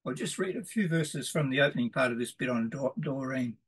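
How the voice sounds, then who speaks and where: A man's voice: mid-range voice, expressive, fairly quick, husky. A middle-aged man, giving a homely, rambling introduction and reading poems aloud in a sing-song way. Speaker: presenter. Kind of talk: informal introduction with poetry read aloud.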